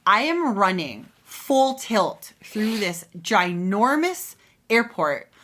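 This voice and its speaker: A woman's voice: medium pitch, takes it slowly, slight background noise. A woman co-hosting a podcast, telling a long personal story in casual chat and acting out the voices of people in it. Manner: animated storyteller, acts out quoted voices. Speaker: podcast co-host.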